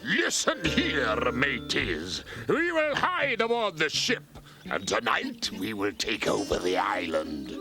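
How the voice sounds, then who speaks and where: A gravelly cartoon pirate captain. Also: male voice, huge pitch swings, takes it slowly, over music, heavily acted. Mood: menacing. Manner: booming, theatrical. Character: gruff bearded man playing pirate Greybeard. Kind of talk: cartoon voice acting.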